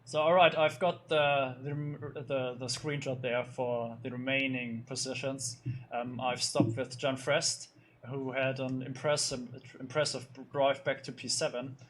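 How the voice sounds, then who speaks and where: A man's voice: medium pitch, level tone, unhurried. A man commentating a sim racing league, loosely going over the results with many fillers and restarts. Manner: loose, hesitant, lots of fillers. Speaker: race commentator.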